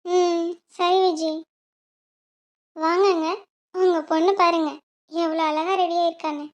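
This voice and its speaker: A woman's voice: very high voice, little pitch movement, takes it slowly, lo-fi sound. A woman voicing a caring middle-aged mother in a cartoon, giving her daughter advice. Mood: advising. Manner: lecturing. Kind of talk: cartoon voice acting.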